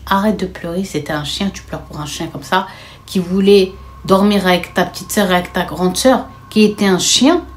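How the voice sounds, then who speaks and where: Woman putting on a scheming big sister, hushed, matter-of-fact, low and soft at times, storytime. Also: normal speed, lightly acted. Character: cold, scheming eldest sister, young woman.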